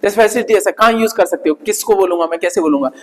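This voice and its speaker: A male teacher runs a vocabulary class, saying each word over and over at a slow, careful pace. He keeps tacking short check-in questions onto his sentences. His voice rings with a long reverb, as if he is in a large hall. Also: high voice. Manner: drills pronunciation by repeating words slowly; peppers speech with "isn't it" tags.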